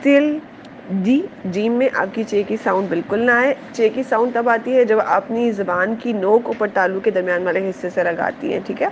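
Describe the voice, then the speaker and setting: In a patient Quranic pronunciation class, a woman explains every sound, says it again slowly and checks her students have understood. She speaks at a medium pitch on lo-fi audio with a little hiss or hum.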